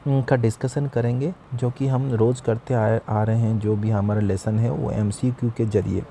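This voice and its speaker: A man's voice: mid-range voice, fairly even intonation, normal speed, mellow, a little hiss or hum. A man teaching a geography lesson online, explaining step by step in a chatty way and addressing viewers as friends.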